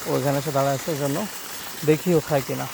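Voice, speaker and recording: Racing along with a flat delivery, this gravelly, medium-pitched male voice belongs to a young village vlogger speaking Bengali with a Khulna accent. He chats casually on a walking vlog through the village fields and by a pond, urging the animals along, while background noise fills the clip.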